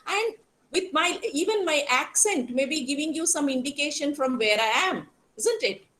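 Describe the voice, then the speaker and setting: A woman from Karnataka with a strong South Indian accent, teaching an interactive online class, explaining haltingly and putting questions to students. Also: high-pitched, expressive, a bit bright. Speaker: college teacher.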